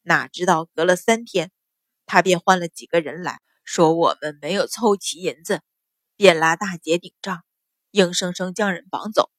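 A humble peasant man telling his grievance, deferential and earnest, his voice set lower than the narration, as a woman reading the story puts him on. The sound is dry and close. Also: moderate pace, no room sound, lightly acted. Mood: aggrieved.

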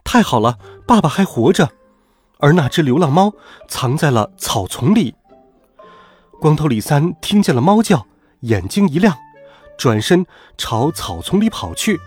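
Husky male children's storyteller. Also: fairly high pitch, a little slow, soft background music. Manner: lively, expressive reading. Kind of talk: bedtime story narration for kids.

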